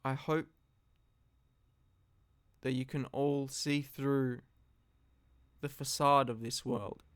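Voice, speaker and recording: Slow, deliberate man in reflective monologue. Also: mid-range voice, flat delivery, clear, resonant tone, no echo, studio quality. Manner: earnest, deliberate, with long pauses between short phrases. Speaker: speaker giving a personal philosophical talk. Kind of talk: solo reflective monologue, slow spoken address.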